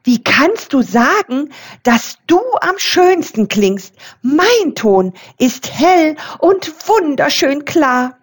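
A woman voicing the smallest, youngest church bell, eager and proud, in a high voice. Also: big pitch swings, slow, full character voice.

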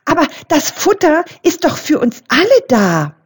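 A woman's voice: sits high, very animated, measured pace, voice pushed up. A woman voicing an eager young squirrel in a storybook reading.

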